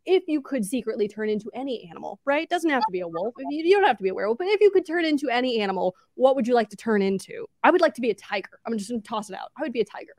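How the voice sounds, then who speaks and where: A woman co-host with a slightly higher voice, playful and a bit goofy as she asks her questions. Her sound is dry and close. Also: sing-song, racing, hardly any pauses, darkish tone, dry recording. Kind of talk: casual interview chat.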